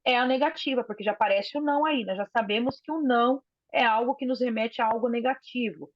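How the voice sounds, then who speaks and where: A woman's voice: a little high, quick pace, no room sound. A woman teacher giving an online class by video call from her phone. She explains patiently and often tags her points with a question. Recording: dull lo-fi phone audio, dry.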